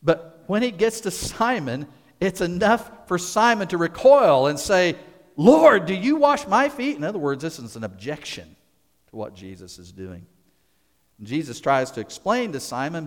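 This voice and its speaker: A man preaching a sermon as a pastor, deliberate and emphatic, repeating key words and pausing for effect. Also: on the high side, very animated, in a large hall.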